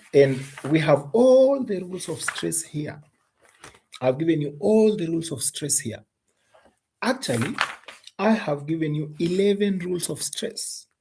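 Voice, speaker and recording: A man's voice: on the high side, darkish tone, a little hiss or hum. A man with a Kenyan English accent teaching an exam-prep English lesson, emphatic and often repeating words.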